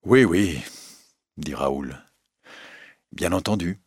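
Guy doing a worried young noble, low and gloomy, dry sound. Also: expressive, extremely slow, breathy edge, no echo, full character voice. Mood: troubled. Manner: gloomy and hushed. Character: anxious, troubled young nobleman. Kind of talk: storybook reading.

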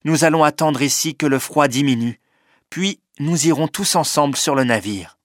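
A man's voice: fairly high pitch, lively intonation, normal speed, no echo, clean studio sound, close to an everyday voice. A man reading the lines of a determined sailor in a storybook, his voice raised and emphatic. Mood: urgent.

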